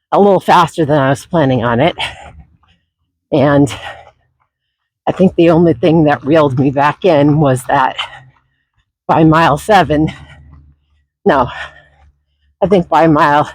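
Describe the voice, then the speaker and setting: Out running on a trail, a man reflects in a relaxed way, sighing and pausing, his voice breathy and husky from a recent illness that hasn't fully passed. His voice sits on the high side, and there's no room sound.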